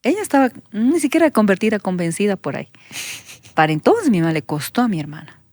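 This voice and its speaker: A woman pastor, giving an earnest testimony that sinks into soft whispers when she recalls her prayers. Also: mid-range voice, sing-song, fast, dry recording. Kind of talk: emotional testimony in conversation.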